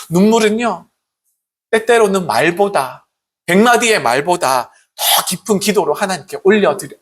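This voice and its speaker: Pastor from South Korea, sermon, earnest, pleading, rhetorical questions, husky voice. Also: mid-range voice, a bit bright. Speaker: Salvation Army officer, pastor.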